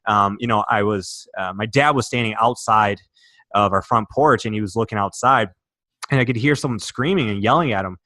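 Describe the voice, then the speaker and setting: Brisk, fairly low, pushed and bright, the young Michigan man's voice comes through dry and studio-clean. As a podcast guest he tells his story candidly and emotionally, restarting often and using lots of fillers.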